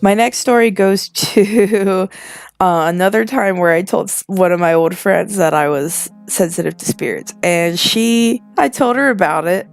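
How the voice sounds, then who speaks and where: A woman's voice: mid-range voice, a little slow, smooth. A young woman in her twenties telling casual storytime anecdotes in a rambling voiceover, full of fillers and restarts. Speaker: storytelling narrator. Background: faint background music.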